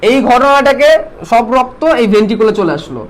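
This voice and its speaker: A man teaches a biology class online. His voice sits high and his delivery is quick. He fires questions at his students, repeats them several times, and then answers them himself. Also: expressive.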